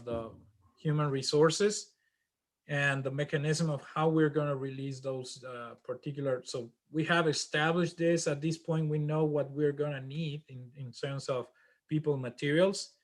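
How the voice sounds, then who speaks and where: A man teaching an online class over a video call, halting with many restarts and fillers. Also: a little high, steady tone. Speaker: instructor.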